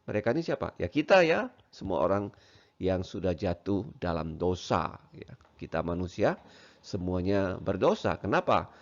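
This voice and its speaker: A man's voice: deep voice, big pitch swings, moderate pace. A man teaching children a Bible verse, explaining it word by word and adding "ya" often. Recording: dull lo-fi recording.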